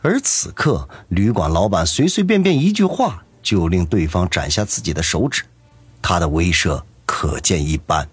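A man narrating a serialized novel with expressive storytelling. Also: sits low, normal speed, husky, no room sound. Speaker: audiobook narrator.

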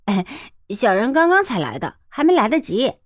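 A woman's voice: a little high, sing-song, normal speed, dry recording, clean studio sound. A woman voicing an eager, humble young neighbor in a storybook reading.

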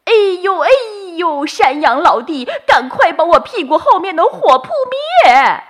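A woman's voice: mid-range voice, wildly swooping pitch, measured pace, fairly bright tone, breathy edge, exaggerated voice. A woman voicing an impatient male monkey who lectures and scolds in a children's bedtime story. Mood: yelping. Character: bossy impatient male monkey, older brother type.

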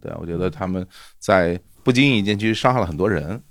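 A man, a podcast host answering questions in a casual group chat, laughing often and repeating himself when excited. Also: low voice, fairly quick, no echo. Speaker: podcast host being interviewed.

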